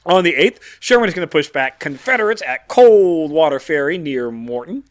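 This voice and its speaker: Higher-voiced man hosting history banter. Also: lively intonation, moderate pace. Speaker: podcast host. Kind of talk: casual history recap with banter.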